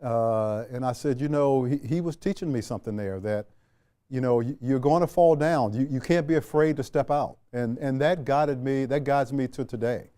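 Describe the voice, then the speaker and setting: An older man from Washington, D.C., recalling his life in a relaxed, mellow voice. He speaks in a measured, unhurried way, circling back and restarting his sentences. His pitch sits in an ordinary middle range for a man. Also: smooth. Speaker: interview guest, retired general. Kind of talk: reflective storytelling in a sit-down interview.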